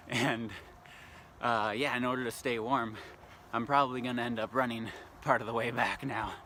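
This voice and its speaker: A man's voice: medium pitch, fairly even intonation, moderate pace. A young man filming himself on a selfie stick as he walks city streets, chatting cheerfully and slurring slightly from the cold. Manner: upbeat, chatty, laughs at himself. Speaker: vlogger. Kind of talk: casual self-filmed vlog narration. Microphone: phone on a selfie stick. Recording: faint outdoor street noise.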